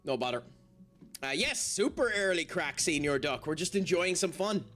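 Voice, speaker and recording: A man's voice: a little high, expressive, normal speed, a bit bright, faint music behind. A man giving live commentary as a gaming streamer, swearing casually and often.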